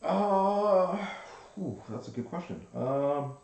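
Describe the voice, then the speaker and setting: Animated game master narrating. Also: medium pitch, slow, slight background noise. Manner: animated, chatty. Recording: roomy echo.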